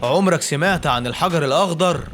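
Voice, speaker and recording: A man's voice: a little high, quick pace, fairly bright tone, soft background music, close to an everyday voice. A man doing a sneering corrupt school director. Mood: mocking. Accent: Egyptian Arabic. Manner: mocking, condescending.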